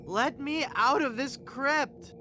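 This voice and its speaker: A man's voice: very high-pitched, slow, bright, forceful tone, faint music behind, heavily acted. A man playing a hapless, earnest adventurer in a comic adventure game, pleading and bluffing theatrically as a would-be ghost. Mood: mock-menacing, sheepish.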